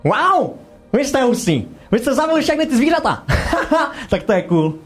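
A man putting on a giddy young goblin in a tabletop game, pitched high above his usual voice and gushing with quick laughs. The delivery bounces all over the place. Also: huge pitch swings, breathy edge, faint music behind, exaggerated voice. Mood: excited. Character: excitable chatty young male goblin.

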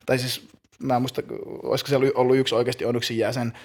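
A man's voice: medium pitch, level tone. Stammering man in casual chat. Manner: stammering, repeats words. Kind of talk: casual chat about rap.

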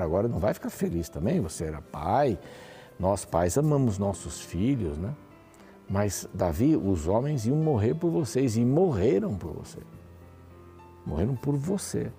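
Male Bible teacher, lively pitch, mellow tone, faint music underneath. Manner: animated, reads verses aloud and comments.

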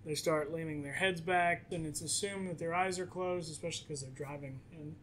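A man's voice: a little high, fairly even intonation, brisk, a bit bright, slight background noise. A man casually recapping a movie plot in a podcast chat, acting out the characters' lines as he goes. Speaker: podcast co-host.

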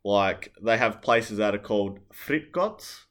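A man's voice: on the low side, lively intonation, takes it slowly, a bit bright. A man, co-hosting a podcast in casual, rambling chat full of fillers. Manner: rambling, filler-heavy, opinionated. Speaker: podcast co-host.

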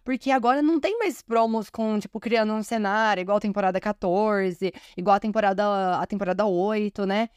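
A woman's voice: mid-range voice, fairly quick, few pauses, darkish tone, smooth, no echo, studio quality. A woman from Brazil hosting a podcast, chatting enthusiastically and often calling out to her listeners. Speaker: podcast host. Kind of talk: casual podcast commentary.

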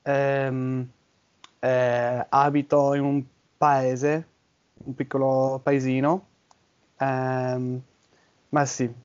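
Native English speaker, English accent, very slow halting delivery, casual chat, searching for words, muffled lo-fi sound. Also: mid-range voice, little pitch movement, darkish tone. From southern England. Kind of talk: casual chat about languages.

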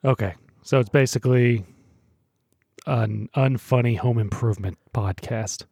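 Husky-voiced young man, teasing. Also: mid-range voice, unhurried, darkish tone, dry recording, studio quality. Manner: teasing, laughs often. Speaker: podcast co-host. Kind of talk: casual podcast chat.

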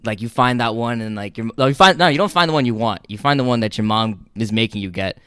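Smooth-voiced man, casual podcast banter. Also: mid-range voice, fast talker, a bit bright, no room sound, studio quality. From North Jersey. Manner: loose, profane storytelling full of "like". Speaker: podcast co-host. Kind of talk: casual chat.

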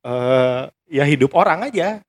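A young man co-hosting a casual chat, telling animated stories and laughing often. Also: medium pitch, a little slow. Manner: animated storyteller, laughs a lot. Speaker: podcast co-host.

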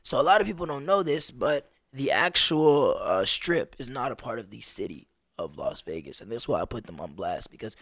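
A man in his twenties, a guest on a podcast, telling stories in an animated, slangy way. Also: mid-range voice, normal speed, no echo, studio quality. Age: 20s. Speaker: podcast guest, street performer. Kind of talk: casual conversation.

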